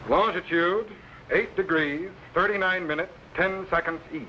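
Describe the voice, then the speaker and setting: A man playing a calm, authoritative scientist captain in a 1950s science fiction serial, precise and instructive. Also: high-pitched, lo-fi sound, a little hiss or hum. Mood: commanding, precise. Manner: instructive, precise, measured commands.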